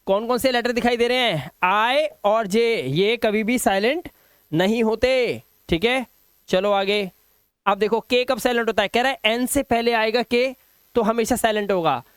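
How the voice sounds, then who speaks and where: A man's voice: high-pitched, clear, resonant tone, no echo. A man with an Indian accent teaching English pronunciation rules, emphatic and repeating each word. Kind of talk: spoken English lesson.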